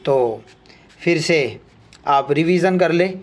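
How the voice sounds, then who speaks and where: A young adult man teaching an alphabet lesson, reciting letters one by one and explaining each slowly and deliberately. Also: fairly high pitch, soft background music. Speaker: Urdu teacher.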